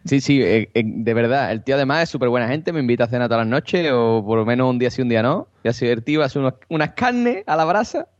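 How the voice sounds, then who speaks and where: A man's voice: mid-range voice, animated, fast talker, hardly any pauses, no room sound, muffled recording. A man guesting on a casual podcast, joking in a playfully indignant way.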